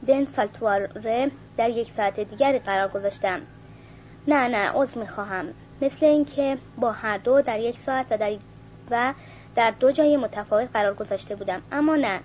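A woman's voice: on the high side, a little mellow, close to an everyday voice. A woman voicing a flirtatious, teasing noblewoman in a sweet, coy tone, on a slightly muffled recording. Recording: muffled with faint hiss.

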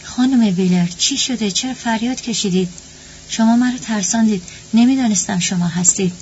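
A woman's voice: fairly high pitch, a little mellow, lightly acted. A woman voicing a polite, somewhat hesitant man who is a coworker. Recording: dull lo-fi with faint hum.

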